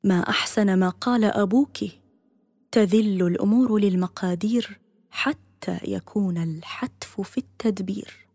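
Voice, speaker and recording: A woman narrator voicing a wise, calm man in a told story, measured and kindly. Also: mid-range voice, no echo, studio quality, lightly acted.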